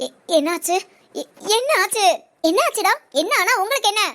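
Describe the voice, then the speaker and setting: A woman's voice: very high-pitched, lively intonation, normal speed, pushed and bright, exaggerated voice. A woman voicing an older woman teacher who stammers and weeps in an audio drama. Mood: panicked. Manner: stammering, tearful.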